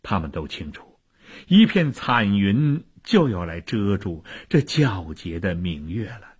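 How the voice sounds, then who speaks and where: A man telling a historical tale dramatically, swinging from loud declaiming to hushed low asides. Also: big pitch swings, measured pace, slightly rough. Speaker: storyteller.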